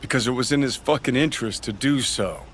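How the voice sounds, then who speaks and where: A man's voice: mid-range voice, fast, close to an everyday voice. An actor playing a cynical, contemptuous male companion in a video game. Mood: scornful. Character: cynical, contemptuous, foul-mouthed man, needling companion. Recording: loud vehicle and outdoor noise behind.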